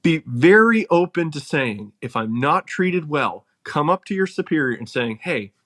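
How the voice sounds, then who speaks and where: A man's voice: fairly high pitch, sing-song, moderate pace, fairly bright tone. A man talking as a podcast guest, making his case in an emphatic, earnest way and laughing between points. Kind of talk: casual conversational argument.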